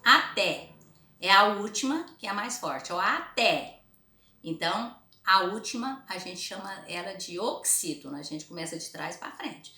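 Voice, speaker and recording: Brazilian teacher, woman, a little hoarse, bright tone, echoey room, exaggerated pronunciation for kids. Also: medium pitch. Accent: Brazilian Portuguese. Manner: slow, lively, exaggerated pronunciation, frequent "né?". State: slightly hoarse. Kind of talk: recorded remote lesson to children.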